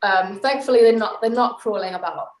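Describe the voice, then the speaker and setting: A woman's voice: mid-range voice, a little fast, roomy sound, poor audio. A young woman with an East Midlands English accent chatting over a video call, laughing often with many ums. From England, East Midlands. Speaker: footballer, guest. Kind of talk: casual chat on a video call.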